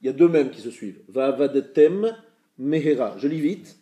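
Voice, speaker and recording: A man's voice: medium pitch, animated, dark tone. Patient man teaching a live class. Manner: patient, explanatory, checks with the class; sounds out words slowly to demonstrate. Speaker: religious teacher.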